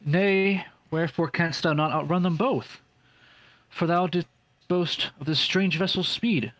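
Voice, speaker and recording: Man playing an indignant young hero, high and loud, complaining verse. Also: a little slow. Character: impatient young male farm-boy hero.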